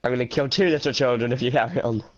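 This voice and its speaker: A man's voice: mid-range voice, very fast, highs cut off, background noise. A man playing a tabletop game, bantering stubbornly with his friends. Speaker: player.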